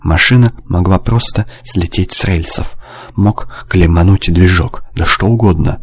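A man narrating an audiobook in a steady, measured reading. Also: low voice. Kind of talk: scripted narration.

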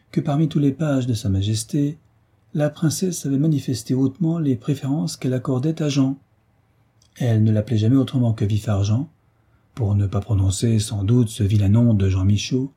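Guy reading an old novel aloud, deep dark voice, kinda raspy, slow and steady. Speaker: narrator. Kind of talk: audiobook reading of a classic novel.

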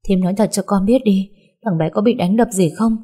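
A woman's voice: mid-range voice, brisk, warm tone, husky, natural voice. A woman voicing a young mother who pleads urgently to see her son in a story. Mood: pleading.

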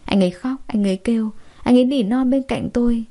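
A woman narrating a dramatic first-person story in a steady, emotional storytelling manner. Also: fairly high pitch, fast talker.

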